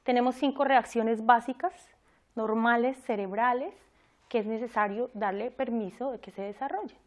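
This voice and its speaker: A woman's voice: fairly high pitch, steady tone, moderate pace. A woman giving a conversational church teaching talk, often asking her listeners questions. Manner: conversational, asks the audience questions.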